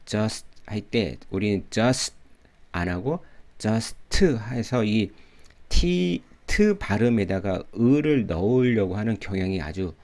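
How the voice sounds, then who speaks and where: A man teaching English pronunciation through song lyrics, calmly explaining and slowly repeating words to model them. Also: fairly low pitch. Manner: calm explanatory.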